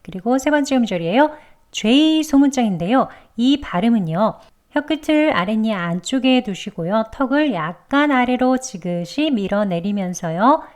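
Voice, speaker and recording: A woman with a fairly high voice gives a scripted pronunciation lesson. She explains calmly and step by step, then models each word very slowly and deliberately. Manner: calm, precise, explains step by step. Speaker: English pronunciation teacher.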